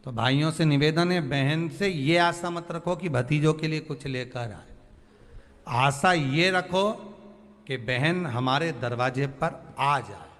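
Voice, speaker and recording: A man's voice: a little high, slow, fairly bright tone. A man preaching a devotional sermon, pleading and emphatic, repeating phrases for stress. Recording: long hall reverb, faint music behind.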